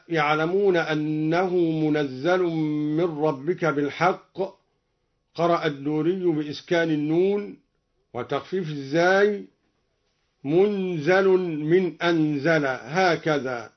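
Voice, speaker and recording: A man with a fairly high voice gives a lesson on Quranic reading variants. He moves between brisk explanation and slow melodic recitation of the verses. The recording sounds muffled and lo-fi.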